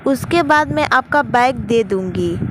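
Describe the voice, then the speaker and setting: A woman's voice: on the high side, expressive, unhurried. A woman voicing a spoiled, scheming young sister-in-law who talks in a dismissive, stubborn way. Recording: noisy with traffic outside.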